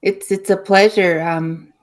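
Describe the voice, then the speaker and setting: A woman from New Mexico speaks as a podcast guest, recounting her life story. She sounds earnest and reflective, with a mid-range voice that often trails off softly. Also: mid-range voice, fairly even intonation, measured pace. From New Mexico, USA. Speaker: guest, spiritual healer. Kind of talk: casual interview storytelling.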